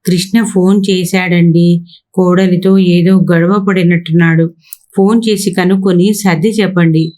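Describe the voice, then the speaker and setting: A woman voicing an anxious, caring middle-aged mother in a storybook reading, soothing and gentle. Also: fairly low pitch, little pitch movement, unhurried, natural voice. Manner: soothing, worried.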